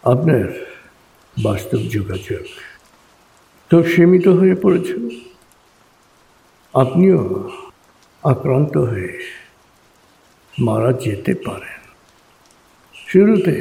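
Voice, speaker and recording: A man leading a guided meditation in a deliberate, soothing way, in short phrases with long pauses. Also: medium pitch, big pitch swings, vocal fry, dark tone, slight background noise, rough recording. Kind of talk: guided meditation, slow hypnotic countdown and narration.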